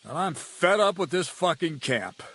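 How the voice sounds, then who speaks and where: A man's voice: fairly high pitch, very animated, unhurried, fairly bright tone, breathy edge, exaggerated voice. An actor playing an impatient camp commander, not a nobleman, who gives curt orders and swears freely. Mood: irritated. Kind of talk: video game cutscene dialogue.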